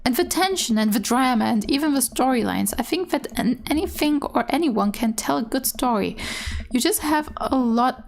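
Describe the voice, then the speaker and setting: Woman, higher-pitched voice, gaming streamer, reads game text aloud, casual commentary, candid, trips on words. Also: lively intonation, moderate pace, creaky. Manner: stumbles over words while reading, candid asides. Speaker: gaming streamer doing a let's play.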